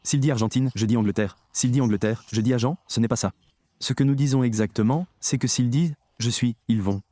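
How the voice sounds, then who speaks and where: Emphatic preacher man, dark mellow voice. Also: mid-range voice, fairly quick, dry recording. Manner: emphatic, addresses the audience directly. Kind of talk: sermon.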